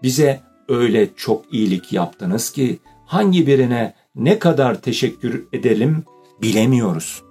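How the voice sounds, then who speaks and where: A man voicing an eager, warm-hearted young girl in a children's audiobook, pitched up in an eager tone. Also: animated, measured pace, slightly rough, faint music behind. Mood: earnest. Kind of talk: audiobook character voice.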